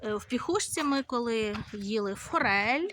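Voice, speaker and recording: A woman's voice: a little high, animated, normal speed, a bit bright, no room sound. A woman from Ukraine chatting casually as she walks outdoors through resort streets, filming on a handheld phone. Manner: chatty, conversational, with fillers. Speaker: vlogger. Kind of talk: casual walking tour vlog.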